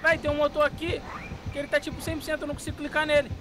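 A man's voice: extremely high pitch, completely flat delivery, very fast. A man chatting playfully with friends during an online game, yelping when he gets startled. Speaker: gamer in voice chat. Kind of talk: casual gameplay chat.

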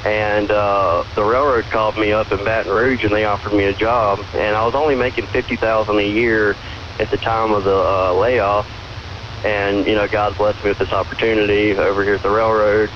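Calling in to a radio program, a southern U.S. man chats casually but hesitantly, politely addressing the host as "sir," in a lowish, level voice at a moderate pace. We hear the call via a portable radio speaker as a dull, noisy AM radio relay.

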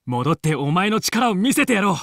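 A man playing a young, confident fox space pilot and team leader in a video game, brisk, determined and commanding yet friendly. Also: high-pitched, big pitch swings, a bit bright, dry recording, clean studio sound, heavily acted. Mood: focused, confident. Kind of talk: Japanese video game voice acting.

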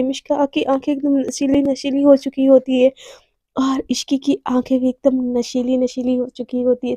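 Young woman, storytelling narration, high voice, dry recording, breathless, dramatic. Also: warm tone, no room sound.

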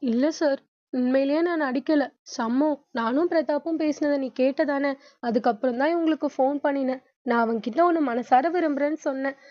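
A woman's voice: high-pitched, dry recording, close to an everyday voice. A woman reading the part of a young man who begs and pleads tearfully for forgiveness, on a dull lo-fi recording. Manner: begging, tearful pleas. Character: young man, pleading remorseful captured lover.

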